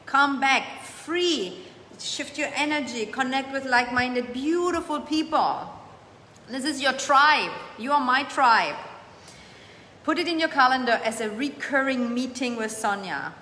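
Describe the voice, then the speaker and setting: Female live-stream coach, slightly high, encouraging and emphatic; echoey room with faint background hum. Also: lively intonation, a little slow. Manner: warm, emphatic, repeats phrases for emphasis; reads viewer comments aloud and answers them. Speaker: host of a live coaching show. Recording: echoey room with long reverb, faint ambience.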